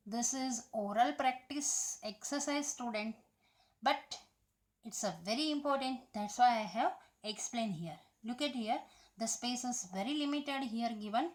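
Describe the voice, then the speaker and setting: Indian woman teaching grammar, spelling words out. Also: on the high side. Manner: spells words letter by letter, mixes in Hindi. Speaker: English teacher. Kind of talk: classroom grammar lesson.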